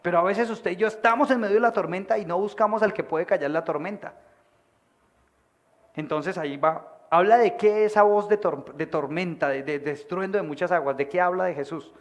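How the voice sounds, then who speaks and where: Man, lively sermon delivery, projected voice, higher pitched, church meeting. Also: brisk. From Colombia. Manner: animated, acts out voices of people in stories; projects his voice from the diaphragm. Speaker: pastor.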